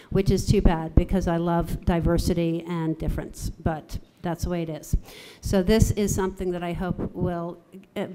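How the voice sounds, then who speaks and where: A woman's voice: on the low side, warm tone. Woman, theatre professor, conference talk, conversational, enthusiastic, self-correcting. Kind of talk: conference presentation.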